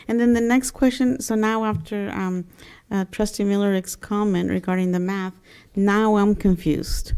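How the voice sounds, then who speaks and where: A woman trustee asking questions at a board meeting, halting and full of fillers. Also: mid-range voice, steady tone, darkish tone, clear, resonant tone.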